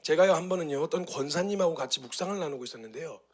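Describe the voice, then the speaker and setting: A male pastor teaching a course on Bible meditation, telling stories with lively rhetorical questions. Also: a little high, very fast. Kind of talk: teaching talk.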